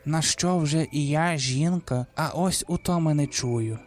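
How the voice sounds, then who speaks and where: A man reading the part of a greedy village husband in a storybook tale, slow and eager. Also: a little high, lightly acted. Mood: amazed.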